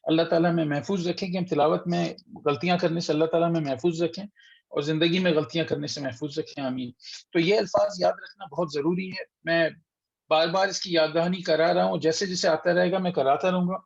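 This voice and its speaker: A man leads an online recitation lesson, patiently repeating each letter slowly and clearly for his students. His voice is gravelly and a little high. The call audio sounds dull and lo-fi. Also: fairly even intonation. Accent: Urdu-speaking. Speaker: Quran recitation teacher. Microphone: computer mic on a video call.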